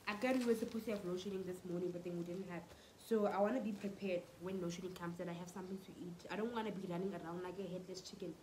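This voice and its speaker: A South African woman in her twenties vlogs casually from her living room and bedroom, holding a phone camera at arm's length while congested with flu. Her voice is lowish, mellow, stuffy and steady in tone, and she talks fast with few pauses, chatting away and mixing in Setswana phrases. The recording is low quality, with a little hiss or hum.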